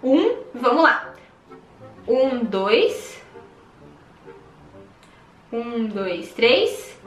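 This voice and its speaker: A young Brazilian woman giving excited, chatty commentary on her own gameplay, shrieking at surprises and muttering through tasks. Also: fairly high pitch, extremely slow, roomy sound, faint music behind. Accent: Brazilian Portuguese. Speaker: gaming youtuber.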